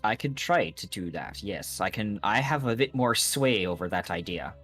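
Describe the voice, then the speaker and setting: A man playing a weary, guarded agent in a tabletop game, speaking in a grave, measured, cautioning way. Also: lowish voice, animated, fairly bright tone, slightly rough, soft background music. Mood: firm, cautioning. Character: weary, guarded male agent warning adventurers off.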